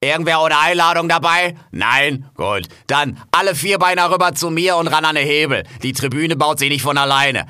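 A man's voice: on the high side, normal speed, few pauses, pushed and bright, clear, resonant tone, no room sound, clean studio sound. A man doing a blunt, busy foreman. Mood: brusque. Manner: brusque, casual colloquial orders.

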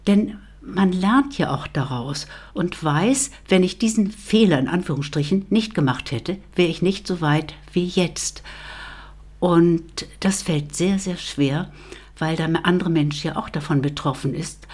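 A woman with a deep, low-pitched voice talks as a guest on a podcast. She speaks in a thoughtful, personal way, pausing often and restarting her sentences. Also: darkish tone, slightly rough. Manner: reflective, halting, with fillers and restarts. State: married.

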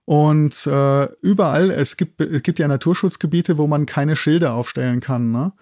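Speaking as an expert guest in an explanatory interview, a zoologist from a German university uses hesitant phrasing and lots of tag questions in his German accent. His voice is a little high and dark, moderately paced, in a dry, clean studio recording.

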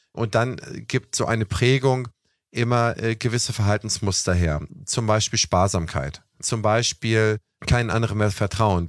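A man's voice: on the low side, dry recording, clean studio sound. A young man hosting a casual talk show, explaining at length with lots of "ne?" fillers. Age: young adult. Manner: chatty, explanatory, with fillers like "ne?" and "was weiß ich". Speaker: podcast host.

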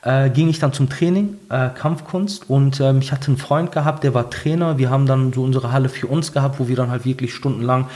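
A man's voice: mid-range voice, fairly quick, few pauses, darkish tone. A man casually telling a personal story, acting out quoted dialogue in changing voices, colloquial with lots of fillers. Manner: colloquial, many fillers and "ich so". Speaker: guest telling his life story.

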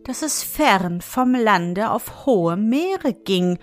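A woman reading a fairy tale aloud in a calm, deliberate storytelling manner. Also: mid-range voice, faint music behind.

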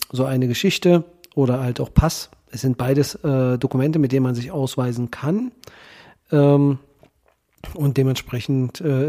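A male podcast host talks informally through a head cold. His voice is nasal and congested, on the dark, soft side, and his delivery halts often as he searches for words. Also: medium pitch. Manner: hesitant, halting delivery with many ehs and ums. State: has a cold. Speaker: podcast host, legal guardianship professional.

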